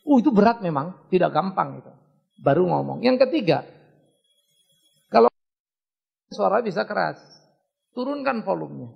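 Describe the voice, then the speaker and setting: Joking male pastor, high gravelly husky voice, lively asides, answering questions in a hall with long reverb. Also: moderate pace, pauses often, lo-fi sound. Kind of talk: sermon Q&A with congregation. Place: church hall.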